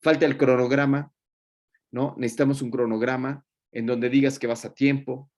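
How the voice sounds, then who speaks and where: A man's voice: medium pitch, flat delivery, normal speed, a little mellow. A man speaks as a teacher reviewing student presentations in class. His talk is colloquial and joking, with plenty of fillers and asides.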